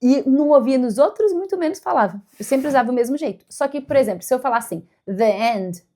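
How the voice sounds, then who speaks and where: A woman's voice: sits high, animated, quick pace, dark tone. A Brazilian woman talking casually to camera about learning English, thinking aloud as she explains step by step. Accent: Brazilian Portuguese.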